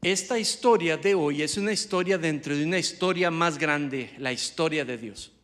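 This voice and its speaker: In a church sanctuary, a man interprets a sermon live into Spanish, hesitating often, using many fillers and restarting his lines. His voice sits on the high side with a fairly bright tone, and he speaks at a normal speed.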